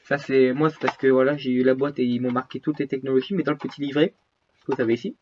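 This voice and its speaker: A mid-range, slightly mellow male voice talks fast with fairly even intonation, the audio dull and carrying slight background noise. He's a YouTuber with a cold, short of breath, casually showing viewers his phones and gear in a rambling, slangy way with frequent restarts.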